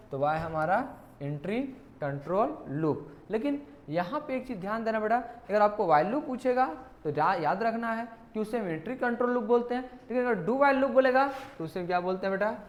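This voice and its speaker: A male teacher, walking students through exam questions. He talks playfully and keeps asking questions back to the class. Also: high voice. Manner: playful, repeats questions to students, calls them "beta". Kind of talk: exam question walkthrough lesson.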